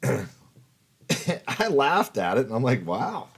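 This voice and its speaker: A man's voice: mid-range voice, very animated, drawn-out words, a bit bright, breathy edge. A man in his fifties telling rambling personal stories in a casual monologue, swearing and laughing as he goes. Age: 50s. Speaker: podcast host.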